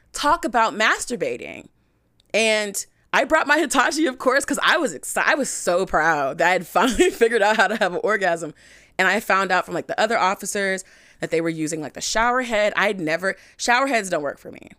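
A young woman hosting a podcast, telling a candid personal story in a frank, chatty way, full of "like" and animated swings in pitch. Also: normal speed, no room sound, clean studio sound. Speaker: podcast host.

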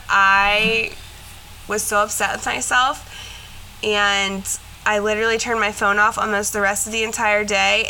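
Bright-voiced young woman, candid chat. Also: mid-range voice, a little hiss or hum, poor audio. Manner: candid, rambling, lots of fillers and swearing; emotional, near tears at times. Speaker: podcast host. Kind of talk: casual personal chat.

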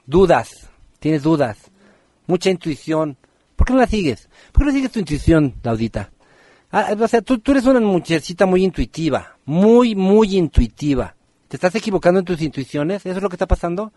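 A man's voice: sits high, very animated, normal speed, mellow, no room sound. A man hosting a radio podcast, giving live numerology readings and firing teasing questions at listeners by name.

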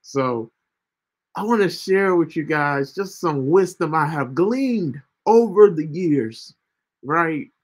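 A man's voice: on the high side, animated, slow pace. Chatty thirty-year-old man streaming live. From United States. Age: 30s. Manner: chatty, repeats himself, keeps asking "right?". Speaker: ministry livestream host. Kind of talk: casual livestream talk.

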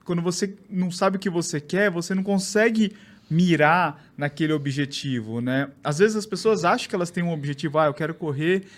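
Man, Brazilian Portuguese accent, slightly high pitch, casual host, relaxed, thoughtful. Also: fairly quick. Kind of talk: casual conversation.

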